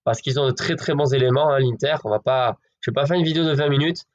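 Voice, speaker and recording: A man's voice: mid-range voice, fast talker, highs cut off. Chatty man giving football tips. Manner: chatty, addresses viewers as friends, hedges with fillers. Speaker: football betting tipster. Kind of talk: casual direct-to-camera football predictions.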